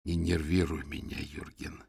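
A man voicing a grumpy, curt male police detective in an audiobook, gruff and brief. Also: rumbling low, little pitch movement, a little slow, a little mellow, no room sound, clean studio sound, pitched below the performer's own voice, full character voice.

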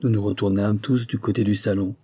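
A man narrating a classic short story in a measured, steady audiobook reading. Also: fairly low pitch, breathy edge.

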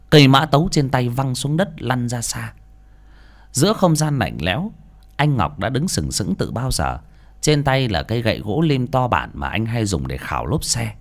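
A man narrating a ghost story as an audiobook, with an expressive, suspenseful delivery. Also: on the low side. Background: faint music.

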